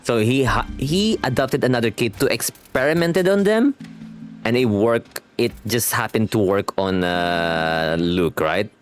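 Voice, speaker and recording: A streamer reacts live to a game's story, a man with a lowish voice and lively intonation who speaks unhurriedly. Over the game music he reads on-screen text aloud and tosses in slangy, casual asides.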